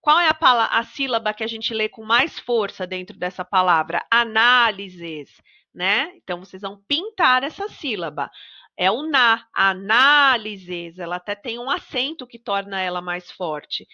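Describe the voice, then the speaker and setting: Brazilian woman teaching small kids on a home recording; bright voice, spells out words slowly, slightly muffled sound. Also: fairly high pitch, big pitch swings. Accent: Brazilian Portuguese. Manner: slow, deliberate, stretches out example words. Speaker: primary school teacher. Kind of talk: recorded remote lesson for children.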